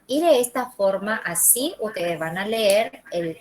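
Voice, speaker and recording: A woman's voice: mid-range voice, expressive, unhurried, darkish tone, a little hiss or hum, poor audio. A woman teaching a Korean lesson in Spanish, who models each pronunciation, repeats it and keeps checking with "¿sí?" and "¿ok?". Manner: checks understanding with frequent ¿sí? and ¿ok?. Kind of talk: classroom lesson.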